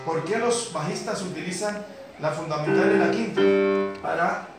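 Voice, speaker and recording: A man's voice: sits high, normal speed. A man teaching a beginner keyboard class, explaining patiently and checking in with the students. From Colombia. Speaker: piano instructor. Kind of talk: classroom lesson. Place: community center classroom. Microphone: far camera. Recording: roomy echo, distant mic. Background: piano keyboard playing.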